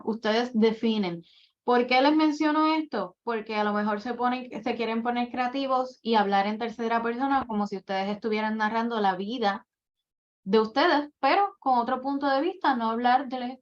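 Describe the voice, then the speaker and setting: A woman giving a workshop lecture, explaining writing rules step by step with example after example. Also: fairly high pitch. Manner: methodical, lists rules and examples one by one. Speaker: admissions coordinator giving a workshop. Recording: dull lo-fi recording.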